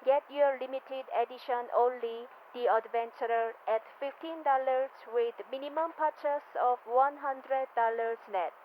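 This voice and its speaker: A woman's voice: sits high, fairly even intonation, measured pace, hardly any pauses. A woman making a formal, scripted cabin announcement as a flight attendant. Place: aircraft cabin, over the PA. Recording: muffled cabin PA, noisy aircraft cabin. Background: cabin noise.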